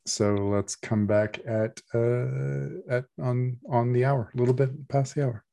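Slow-talking man running a tabletop game. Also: mid-range voice, fairly even intonation, vocal fry, warm tone, no room sound. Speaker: game master. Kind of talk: casual tabletop game narration.

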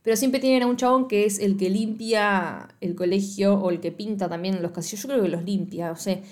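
A woman with an Argentine Spanish accent, chatting casually as a podcast co-host, slangy and animated, acting out quoted lines as she recaps a film. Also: mid-range voice, a little fast.

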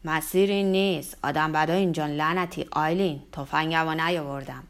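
A woman's voice: low voice, fairly even intonation, smooth, voice pushed down. A woman voicing a paranoid, drunken older father who mutters fearfully and pleads, read as an audiobook character.

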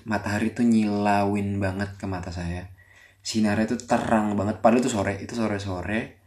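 A young man tells a personal story on his podcast. His voice sits a little low, and he speaks softly and reflectively, often starting a phrase again before he goes on. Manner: soft-spoken and reflective, with frequent restarts. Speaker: podcast host.

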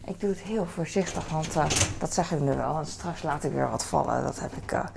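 Woman in her 30s, super creaky gravelly voice, rambles on with lots of uhs, dishes clattering in a noisy room. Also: deep voice, brisk. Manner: rambling, chatty, many fillers and self-corrections. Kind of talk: soft-spoken casual chat while handling objects.

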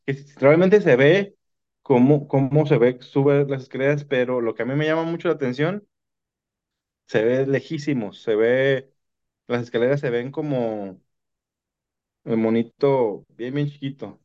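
A man's voice: mid-range voice, measured pace. A man with a Mexican Spanish accent, rambling through paranormal stories in casual chat and restarting his sentences often. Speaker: podcast guest telling paranormal stories. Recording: dull lo-fi sound.

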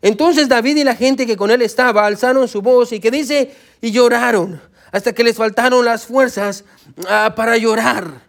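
A man preaching a sermon as pastor, fervently calling out to his listeners and repeating "amen" and "listen". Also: high voice. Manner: fervent, keeps calling out "amén" and "escuche" to the listeners.

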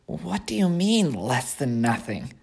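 A man's voice: on the high side, sing-song, measured pace, vocal fry, darkish tone, breathy edge, voice pushed up, full character voice. A man voicing a lonely, earnest young male pig in a storybook reading, pleading and wistful.

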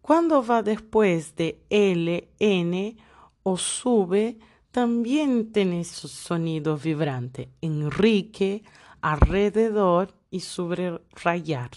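A woman's voice: mid-range voice, animated, very slow, mellow. A woman, teaching Spanish pronunciation and reading out example words one by one. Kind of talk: pronunciation lesson.

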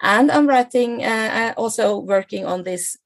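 A fairly high-pitched, unhurried woman's voice with no echo: she's a middle-aged guest lecturer on Norse myth from Norway, using English with a Norwegian accent. The casual interview finds her hesitant and thoughtful, often laughing and beginning sentences again.

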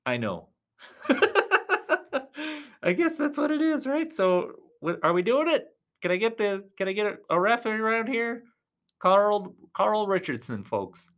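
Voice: medium pitch, sing-song, a little slow. A performer voicing a goofy clown who commentates on thumb wrestling, with a rambling, giggly, joking delivery. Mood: chatty. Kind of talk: comic sports commentary.

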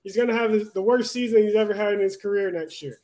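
A young man with a high-pitched voice co-hosts a casual sports podcast. He rants in a heated, profane way, swearing freely as he vents. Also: fast, dark tone. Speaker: podcast co-host.

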